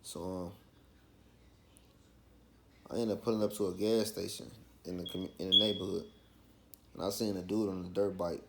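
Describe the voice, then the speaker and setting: Low, gravelly man with a Chicago accent. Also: fairly even intonation, normal speed, pauses often, very noisy. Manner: slangy, with frequent checking tags like "you feel me". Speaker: vlogger. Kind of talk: casual street storytelling.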